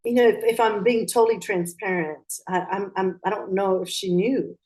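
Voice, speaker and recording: A woman of medium pitch talks at a moderate pace with fairly even intonation and a darkish tone. She was born in Pakistan and grew up in Atlanta, Georgia, and as a guest in a conversational interview she sounds reflective, often restarting her sentences and using fillers.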